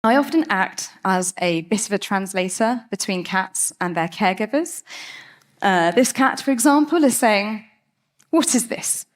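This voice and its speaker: Lively woman giving a talk. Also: mid-range voice, normal speed. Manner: lively, chatty, laughs often. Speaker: cat behaviour speaker. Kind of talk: TED-style talk.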